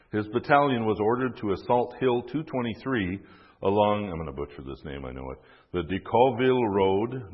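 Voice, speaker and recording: A man's voice: fairly low pitch, husky. A man narrating history in a casual way, with fillers and self-deprecating asides. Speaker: history storyteller. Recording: dull, echoey recording.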